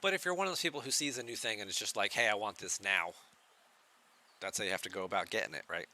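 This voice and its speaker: A soft-spoken man plays a game on stream from home, chatting in a relaxed, casual way and replying to questions from chat. He speaks quickly in a slightly low voice that still comes across very bright and forward, with a little background noise in the recording.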